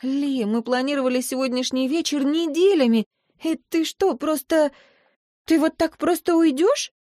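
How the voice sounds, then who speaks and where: A woman's voice: high voice, big pitch swings, very slow, a little mellow, no room sound, studio quality, pitched above the performer's own voice, exaggerated voice. A woman voicing an indignant young woman whose date is being cut short. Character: young woman, girlfriend annoyed at interruption.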